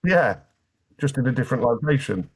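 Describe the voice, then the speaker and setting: A man's voice: medium pitch, lively intonation, a little fast, breathy edge. A British man speaking as an interview guest, telling his personal story candidly in a plain-spoken way with dry, wry humour.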